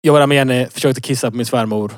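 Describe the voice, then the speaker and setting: A man's voice: medium pitch, fairly even intonation, no echo, studio quality. A man in his thirties co-hosting a casual podcast, rambling through a story with lots of fillers and laughing at himself. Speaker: podcast co-host. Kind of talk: casual chat, telling an anecdote.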